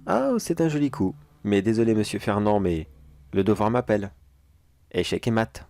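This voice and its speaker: A man's voice: fairly low pitch, animated, moderate pace, dark tone. A man playing a casual, self-assured security major in a horror audio drama, musing aloud and talking to himself. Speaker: security agent.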